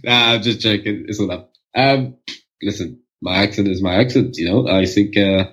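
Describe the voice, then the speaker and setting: A man's voice: on the low side, moderate pace, fairly bright tone, slightly rough, poor audio. A man co-hosting a football podcast, laid-back and joking. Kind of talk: casual joking podcast chat.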